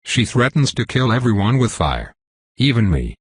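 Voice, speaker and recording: A man voicing a weary, gruff older man who mutters in an audiobook. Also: mid-range voice, big pitch swings, normal speed, no room sound, studio quality. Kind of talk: audiobook character voice.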